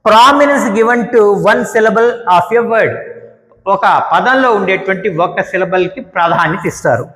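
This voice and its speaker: A man teaching English word stress, explaining slowly and repeating each example word. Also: high-pitched, animated, a bit bright. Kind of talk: spoken grammar lesson. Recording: echoey room with long reverb.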